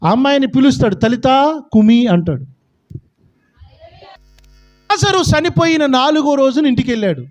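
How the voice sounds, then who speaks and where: A man's voice: very high-pitched, sing-song, quick pace. A male pastor preaching a fervent sermon, calling out to his congregation.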